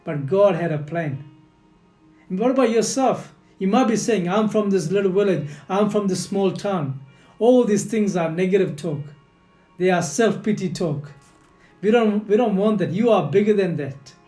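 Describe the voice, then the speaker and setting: Soft guitar music and an echoey room frame this man's earnest leadership lesson, a motivational talk aimed directly at the listener and full of repetition. English is not his first language; he is a coach with a high voice speaking at normal speed.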